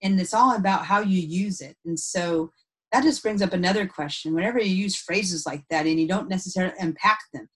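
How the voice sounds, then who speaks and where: A woman's voice: fairly low pitch, brisk, a bit bright. A woman co-hosting a podcast, talking through ideas thoughtfully in casual chat with easy laughs. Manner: thoughtful, unpacks ideas aloud with frequent "and so" restarts; laughs easily. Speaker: podcast co-host.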